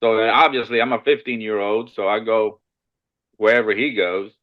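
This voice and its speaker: A man from Costa Rica, a guest on a podcast, telling his story in a relaxed, friendly way with short answers and small restarts. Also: lowish voice, normal speed, lo-fi sound. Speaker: shed hauling business owner, podcast guest. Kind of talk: casual interview chat.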